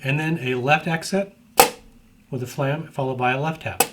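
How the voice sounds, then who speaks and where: A middle-aged man teaches drum rudiments in a calm, instructional way, using a middle pitch that is neither high nor low. He explains things step by step at a moderate pace and keeps checking in with "right?" to make sure the listener follows. Heavy background noise is present.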